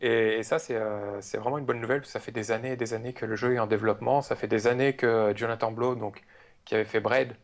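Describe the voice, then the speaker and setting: A man co-hosting a podcast in casual chat, talking in a hesitant way with many filler pauses. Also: medium pitch, steady tone. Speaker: podcast co-host.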